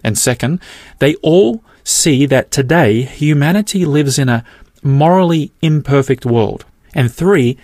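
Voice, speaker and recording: A man's voice: mid-range voice, darkish tone, no echo, studio quality. Earnest man narrating a podcast. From Australia. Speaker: podcast host. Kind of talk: scripted narration.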